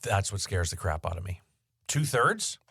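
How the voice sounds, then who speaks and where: A man's voice: low voice, very animated, moderate pace, gravelly, sharp tone, slightly rough, no room sound, clean studio sound. A man co-hosting a financial podcast, talking candidly in casual chat with jokey asides. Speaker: podcast co-host.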